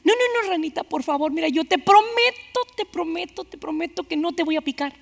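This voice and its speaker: A woman voicing a sly, deceitful scorpion that pleads in a whiny, soft voice in a church sermon fable. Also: very high voice, animated, a little fast, voice pushed up. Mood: pleading. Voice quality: whiny, wheedling and soft, dropping to a whisper. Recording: reverberant church hall.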